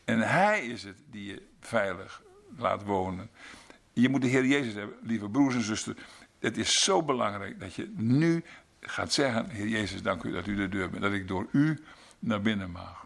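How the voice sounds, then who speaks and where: A male preacher delivers an earnest sermon, hammering his points home by repeating phrases. His voice sits fairly low and has a gravelly, creaky edge. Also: animated, normal speed. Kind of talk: sermon with closing prayer.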